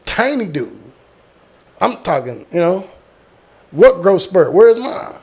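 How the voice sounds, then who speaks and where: A man's voice: sits high, slow pace. Middle-aged man telling stories. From small-town Texas, United States. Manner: animated retelling, acting out quotes, repeating words for emphasis. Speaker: guest, military veteran. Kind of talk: casual personal storytelling.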